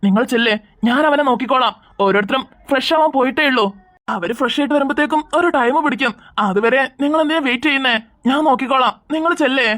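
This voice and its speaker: A woman voicing a kind, patient young man in a cartoon series, speaking gently and persuasively. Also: high voice, fast talker. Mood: coaxing.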